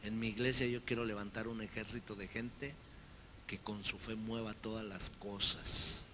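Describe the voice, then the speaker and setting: A man preaching a sermon as pastor, lively and acting out the people he quotes. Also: lowish voice, moderate pace, noisy background.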